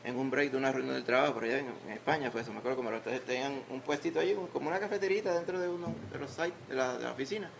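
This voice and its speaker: A man's voice: mid-range voice, rapid-fire, gravelly, hardly any pauses, slight background noise. A man with a Puerto Rican accent preaching a sermon in church, conversational, with humor and rhetorical questions. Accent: Puerto Rican Spanish. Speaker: pastor. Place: church sanctuary.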